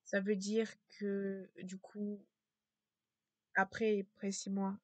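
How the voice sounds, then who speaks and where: A woman talking to camera in a casual vlog with a low, strained voice, hesitant and repetitive, full of fillers and restarts. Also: completely flat delivery, slow pace, dry recording. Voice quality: low, gravelly voice.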